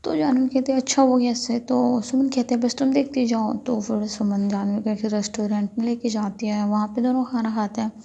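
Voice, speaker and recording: A woman telling a story in a quick, chatty way, stringing events together loosely. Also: a little high, level tone, vocal fry, mellow, dull audio. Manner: quick, chatty retelling with frequent "to" connectors. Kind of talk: casual spoken storytelling.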